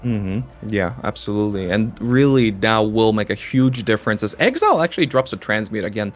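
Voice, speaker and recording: A man co-commentating an esports race, giving lively, upbeat play-by-play with some fillers. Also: fairly low pitch, a little fast, faint music behind.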